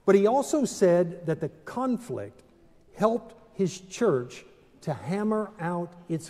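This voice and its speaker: Older pastor preaching slowly in a church. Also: male voice, high-pitched, dark tone. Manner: measured, deliberate preaching with dramatic pauses. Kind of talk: sermon. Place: large stone church sanctuary, at a pulpit. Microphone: pulpit microphone, far camera. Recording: long church reverb.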